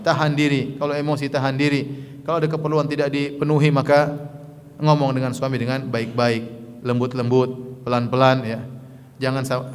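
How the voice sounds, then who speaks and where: A man giving a lively sermon, acting out small dialogues and saying "ya" after nearly every phrase. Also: fairly high pitch. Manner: lively, acts out little dialogues, says "ya" constantly. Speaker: preacher. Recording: long hall reverb.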